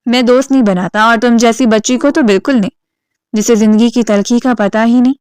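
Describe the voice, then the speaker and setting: Woman narrator voicing a harsh, scolding thirties man, storybook reading, smooth and dry. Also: fairly high pitch, steady tone, a little mellow, dry recording, lightly acted. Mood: bitter, angry. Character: angry ill divorced man in his thirties.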